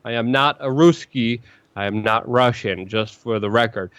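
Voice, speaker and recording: A man who grew up in Poland hosts a live-stream chat in a voice of middle pitch. He talks in rapid bursts that stumble, restart and repeat phrases. His voice sits close and dry, with no room sound around it. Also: fairly bright tone, clean tone, no echo. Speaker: host.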